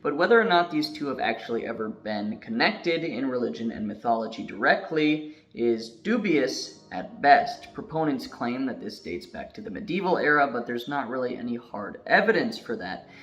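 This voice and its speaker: A man narrating a video in a casual scripted style, chatty, with joking asides, and a voice that is going a little hoarse. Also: medium pitch, sing-song, moderate pace, hardly any pauses, a bit bright. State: losing his voice. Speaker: YouTube narrator.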